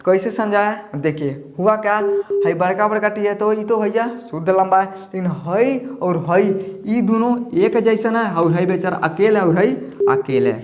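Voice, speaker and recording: A man's voice: high-pitched, normal speed. A man teaching a biology lesson at a board in a folksy, repeating key words back as questions. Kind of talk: blackboard lesson.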